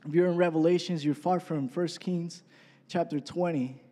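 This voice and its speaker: In a church hall with an echoey sound, a man in his twenties gives a conversational sermon at a normal speed. His voice is on the high side, steady and mellow, and he often checks in with the congregation using "right?" asides.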